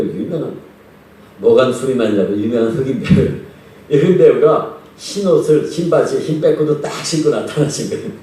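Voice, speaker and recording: A male pastor with a dark, mid-range voice preaches a revival sermon in a church sanctuary, speaking conversationally and putting questions to the congregation. The distant mic captures an echoey hall along with a little hiss or hum.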